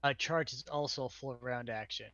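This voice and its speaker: A man's voice: mid-range voice, normal speed, sharp tone, no echo, highs cut off. A man playing in a tabletop game, casually questioning and debating the rules. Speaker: player.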